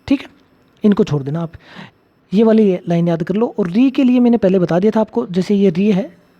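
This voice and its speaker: This man's voice sits high and mellow, moving at a normal speed as he gives a grammar lecture to exam students. He repeatedly questions the class and goes back over his key points. The lo-fi audio sounds slightly dull.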